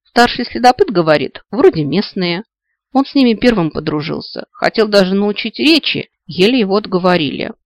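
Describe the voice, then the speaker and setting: A man's voice: high-pitched, expressive, moderate pace, dry recording, clean studio sound. Carefree young giant elf, read by a man. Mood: chatty.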